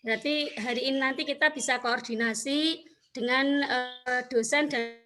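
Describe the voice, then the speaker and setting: A woman's voice: high voice, steady tone, normal speed, sharp tone. A woman asking a polite, hesitant question in an online meeting, her voice breaking up and cutting out over a bad video-call connection. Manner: hesitant, many fillers, deferential. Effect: choppy video-call audio that cuts out. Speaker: student teacher in a meeting. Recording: choppy online call with faint noise.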